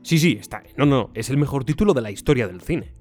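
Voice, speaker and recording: A man with a Spain Spanish accent co-hosts a podcast in easy, joking chat. His pitch jumps around a lot as he plays up his stories. Faint music sits under his voice. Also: fast. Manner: jokey, animated, slips into mock voices. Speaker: podcast co-host. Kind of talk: casual chat.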